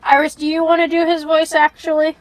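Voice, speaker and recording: A woman with a fairly high voice talks casually on a stream. She is scattered and giggly, half talking to herself. The sound is dry, with faint music behind her. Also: completely flat delivery, a little fast, no room sound. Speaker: streamer playing and voicing a game with friends. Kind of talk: casual chat.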